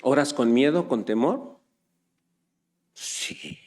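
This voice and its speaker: A man preaching a sermon, swinging from soft low asides to loud, urgent exhortation. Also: lively intonation, a little slow.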